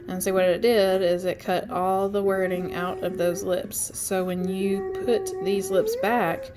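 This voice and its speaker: A woman's voice: mid-range voice, expressive, measured pace, music in the background. A congested woman chatting through step-by-step instructions in a casual tutorial, with frequent ums. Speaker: craft tutorial host. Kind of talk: casual screen-share tutorial.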